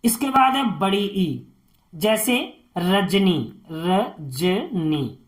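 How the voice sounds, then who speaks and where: A woman gives a beginners' spelling lesson at a very slow, deliberate pace. She spells each word out letter by letter, in an ordinary middle-pitched voice. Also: lively intonation. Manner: spells words out letter by letter, drawn out. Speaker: teacher.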